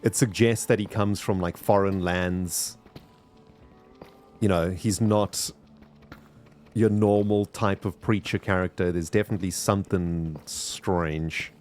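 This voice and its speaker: A low, darkish male voice, slow and steady, with faint music in the background. The speaker has a South African accent and streams a game, chatting casually, rambling, and addressing viewers in chat directly.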